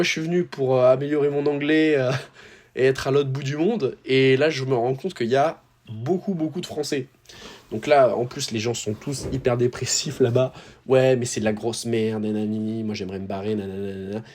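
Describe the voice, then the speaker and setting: A man's voice: medium pitch, darkish tone. Young French guy, casual vlogger, loose rambling slang delivery, mid-range voice. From France. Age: young adult. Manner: slangy, rambling, with many fillers and restarts. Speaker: tennis YouTuber. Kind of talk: casual storytelling to viewers.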